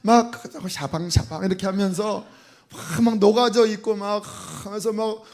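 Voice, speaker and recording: A male pastor preaching a sermon in a church. He talks in an animated way, acting out faces and voices, with many fillers. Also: high-pitched, normal speed.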